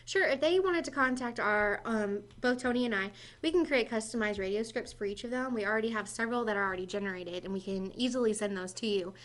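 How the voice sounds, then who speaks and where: A woman's voice: mid-range voice, fast talker, few pauses, fairly bright tone. A woman co-hosting a casual business podcast, explaining in a confident, instructive way. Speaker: podcast co-host, marketing staff.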